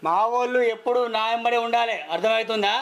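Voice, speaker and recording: A man playing a fast-talking pleading son. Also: extremely high pitch, steady tone, no echo. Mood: angry. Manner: pleading, repeats comforting words. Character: devoted son and brother, protective. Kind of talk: emotional short-film acting. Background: music.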